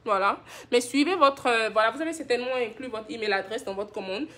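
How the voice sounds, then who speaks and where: She is a fast talker with a sharp tone and a voice on the high side. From Benin, she hosts a skincare brand's live stream, chattily and affectionately answering viewer comments, which she reads aloud between frequent laughs.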